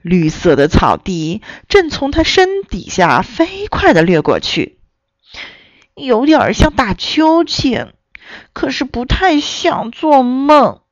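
Woman reading a kids story, lively up and down voice, dry close mic. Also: high-pitched, slow pace, no room sound, lo-fi sound.

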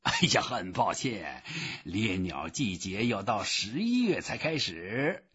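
A man's voice: lowish voice, sing-song, slow, fairly bright tone, husky, full character voice. A man voicing a hesitant, fussy male clerk on the telephone who keeps stammering "uh". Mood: flustered. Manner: filler-laden, stammering "uh". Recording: dull lo-fi recording.

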